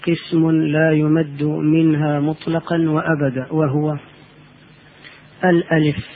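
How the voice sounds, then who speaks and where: A man giving a religious lesson on Quran recitation, explaining slowly and chanting the letters in drawn-out tones. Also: a little high, little pitch movement, gravelly. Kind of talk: religious lecture. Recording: tinny phone-like lo-fi audio.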